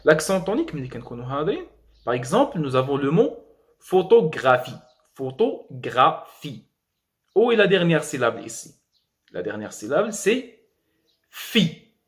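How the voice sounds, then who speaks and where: A young man with a Moroccan accent teaching a French lesson, spelling letters slowly and drilling words, with quick asides in Arabic. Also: fairly high pitch, sing-song.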